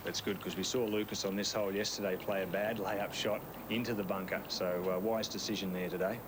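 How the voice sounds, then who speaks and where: A man's voice: low voice, level tone, a little fast, noisy background. A man giving explanatory, analytical live golf commentary.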